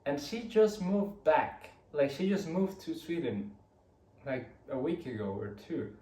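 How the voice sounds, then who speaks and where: A man's voice: a little high, sing-song, measured pace, warm tone. A young man from Rica, telling his week in a chatty, rambling way with many restarts. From Costa Rica. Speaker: vlogger. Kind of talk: casual weekly recap monologue. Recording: roomy, from a distance.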